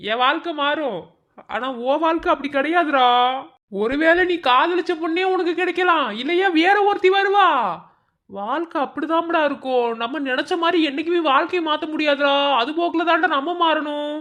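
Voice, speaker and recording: A woman voicing a gruff older village drinker with a Madurai accent. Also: sits high, normal speed, a bit bright, highs cut off. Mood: consoling. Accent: Madurai Tamil. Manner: gruff, scolding yet tender, slangy. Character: older male village drinker, consoling elder friend.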